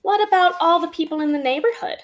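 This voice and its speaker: In this clip a woman with a very high-pitched voice speaks at a moderate pace. She's a teacher leading a read-aloud, guiding young children through a storybook and asking them simple questions.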